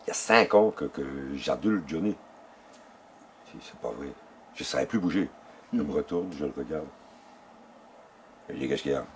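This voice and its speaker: Homme âgé à l'accent belge, conteur animé, voix grave qui monte et descend beaucoup. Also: male voice, extremely low pitch, moderate pace, pauses often, a little hiss or hum. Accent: Belgian French. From Belgium. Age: older. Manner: animated storyteller who acts out dialogue. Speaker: interviewee. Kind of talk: casual storytelling interview.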